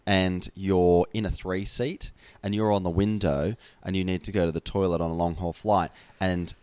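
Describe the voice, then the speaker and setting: Male co-host, low voice, playful storyteller, dry close mic. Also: little pitch movement, moderate pace, darkish tone, smooth, dry recording. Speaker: podcast co-host. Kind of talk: casual chat.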